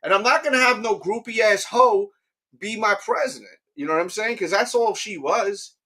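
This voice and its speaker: A man's voice: high-pitched, moderate pace, sharp tone. A man hosting a casual chat, rambling with restarts and often asking "you know what I mean".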